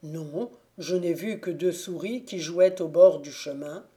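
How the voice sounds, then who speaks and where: Timid squire read by a woman, plain flat delivery, mellow, slow. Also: fairly low pitch, lightly acted. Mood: reporting. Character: timid male squire reporting failure.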